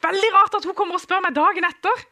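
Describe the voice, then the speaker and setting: A young man giving a humorous personal testimony to an audience, acting out dialogue and chuckling often. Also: extremely high pitch. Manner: animated, acts out quoted dialogue, chuckles often.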